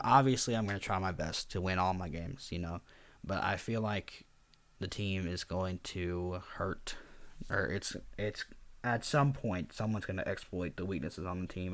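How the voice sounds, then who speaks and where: A male vlogger who coaches a draft league gives casual spoken commentary over slides in a very low, creaky voice. He sounds quiet, subdued, and somewhat monotone, rambling with lots of ums. The sound is dry and close, with no echo.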